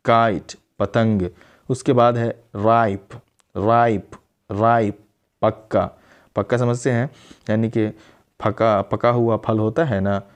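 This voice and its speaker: Slow, deliberate low-voiced male teacher. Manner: slow, deliberate word drilling, repeating each word. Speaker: English teacher. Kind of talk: spoken English lesson.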